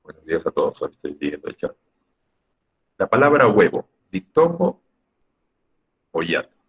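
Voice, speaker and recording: Teacher, male, deep and husky, patient step-by-step explainer, online class audio. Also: big pitch swings, normal speed, highs cut off. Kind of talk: online class on Spanish grammar. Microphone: computer mic on a video call.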